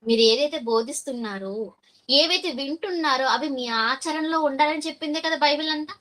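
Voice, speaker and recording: Bright, high-voiced woman preaching. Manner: asks the listeners many questions and answers them; reads verses slowly and deliberately. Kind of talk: sermon.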